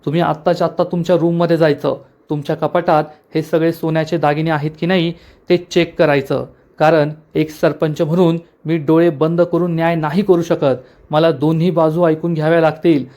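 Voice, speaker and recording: A man's voice: on the high side, little pitch movement, fairly quick, a little mellow, close to an everyday voice. A man voicing a firm young woman who is the village head, speaking in a commanding tone. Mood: stern.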